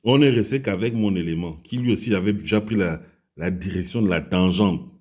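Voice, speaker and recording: This man sits low in pitch and talks briskly, his tone on the darker side. A commentator from Gabon with a Gabonese French accent, he rails against the nation's leaders through a crude, furious personal tale, heated and full of repetition.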